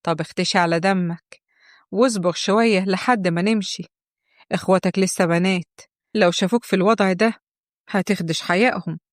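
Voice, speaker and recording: A woman's voice: medium pitch, steady tone, brisk, no room sound, clean studio sound, natural voice. A woman voicing a scheming, nagging mother-in-law who scolds and guilt-trips in Egyptian Arabic. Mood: scolding.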